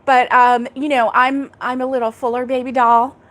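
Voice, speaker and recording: On a casual crochet livestream, a woman chats with a friend and her viewers, naming them as she greets them and laughing often. She sits on an indoor, air-conditioned back porch, speaking at normal speed in a high, level, fairly bright voice.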